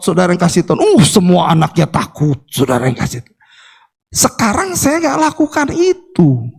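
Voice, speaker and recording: A middle-aged male pastor preaching in a church hall, his high voice carrying a gravelly edge. He talks in a lively way, acting out family quotes and turning often to his listeners. A long reverb hangs behind each phrase. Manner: lively, acts out family quotes, repeats "saudara yang kasih Tuhan". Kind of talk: sermon.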